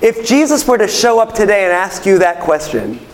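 A man's voice: high-pitched, sing-song, moderate pace, a little hiss or hum. A man pastor giving a conversational sermon, telling everyday stories and asking the congregation questions, then repeating their answers. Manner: chatty storytelling.

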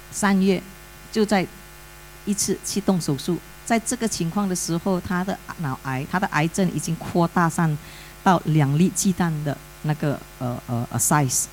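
A woman's voice: fairly low pitch, mellow, low-quality recording. A woman giving an emotional church testimony in Mandarin mixed with English words, with many hesitant fillers. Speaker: pastor's widow giving testimony. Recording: faint mains hum.

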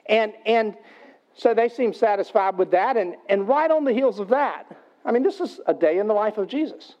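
A man with a high voice preaches a sermon, retelling the gospel accounts in casual, everyday language. The recording sounds dull and lo-fi. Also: animated, normal speed, darkish tone. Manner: conversational, paraphrasing scripture in everyday speech. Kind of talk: sermon storytelling.

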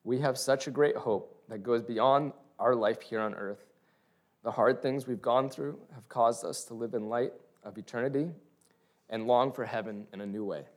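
A man's voice: medium pitch, moderate pace. A man reading a prepared religious testimony aloud, including scripture. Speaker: speaker sharing testimony.

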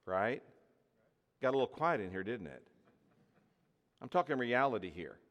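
A man's voice: medium pitch, normal speed, highs cut off. A man preaching a sermon to a congregation, telling a personal story and acting out the voices in it. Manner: animated storyteller acting out dialogue. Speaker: pastor. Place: church hall with audience. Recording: long hall reverb.

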